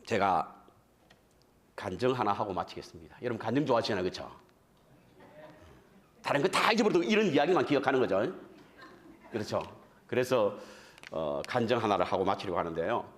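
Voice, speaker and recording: Low-ish and slightly fast, with long pauses, this man's voice carries a revival sermon he delivers as a visiting preacher. He keeps the congregation engaged with frequent questions, speaking animatedly and conversationally with self-deprecating remarks.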